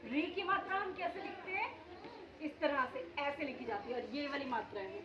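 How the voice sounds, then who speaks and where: A woman's voice: sits high, normal speed, background noise. A woman teacher giving a Hindi lesson, quizzing the class and repeating words for the children to copy. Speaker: primary school teacher. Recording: dull echoey classroom with children.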